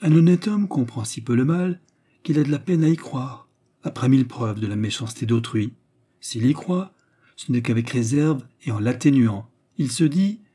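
An earnest young man explains the world with patient conviction, as a man reads him aloud. The tone is mellow and dark, with a husky edge, and the delivery stays measured and sincere. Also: medium pitch, lightly acted. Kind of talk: audiobook character reading.

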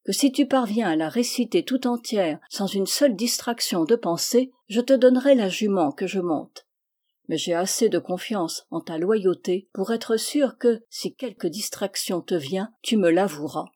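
A woman voicing a kindly, steady medieval abbot, gentle and firm, in a storybook reading. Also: medium pitch, normal speed, close to an everyday voice.

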